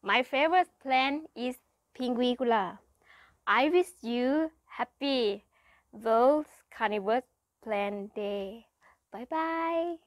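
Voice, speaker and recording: A woman's voice: on the high side, lively intonation, slow pace, no echo, clean studio sound. A young woman with a Thai accent, giving a greeting to camera. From Thailand. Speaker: carnivorous plant grower. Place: plant nursery potting area.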